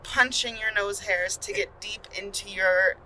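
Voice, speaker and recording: A young woman with a bright, clear voice tells a road trip story in a playful, jokey way. She chats casually as a podcast co-host, with a faint hum of road noise behind her from inside a car. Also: medium pitch, steady tone, unhurried, poor audio. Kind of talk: casual chat.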